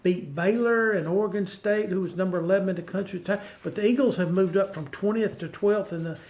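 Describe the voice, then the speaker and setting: A man hosting a casual sports talk show in a halting, stammering way, often repeating his words. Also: high voice, a little mellow.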